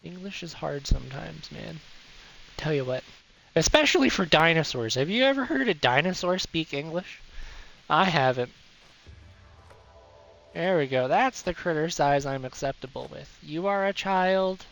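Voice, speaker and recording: A man's voice: a little high, lively intonation, normal speed, creaky, pauses often, a bit bright, low-quality recording. A young man giving casual, rambling commentary while he plays a game live, joking at his own expense as he goes. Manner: playful, rambling, self-mocking jokes. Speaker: streamer.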